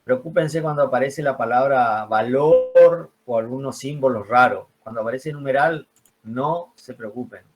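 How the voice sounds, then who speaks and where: Man, teacher, spreadsheet class, patient, explains step by step, asks the class questions, mid-pitched voice, online call. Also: normal speed.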